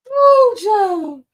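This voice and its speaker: A woman talking through the day's news as a casual commentary host. Her voice sits high and swoops up and down as she drawls her words unhurriedly. She is sassy and laughs often.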